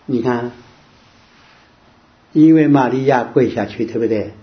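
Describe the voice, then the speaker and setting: A man leading an informal Bible study, quizzing his listeners and quoting verses in a slow, drawn-out way. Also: medium pitch. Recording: dull lo-fi with faint hiss.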